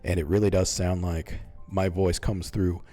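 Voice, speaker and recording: A young man giving casual gameplay commentary in a monotone, relaxed way, speaking close into a microphone while leaning back at home. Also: low-pitched, normal speed, soft background music. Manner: self-described monotone, relaxed and mumbling. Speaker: gaming YouTuber. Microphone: close microphone in front of mouth.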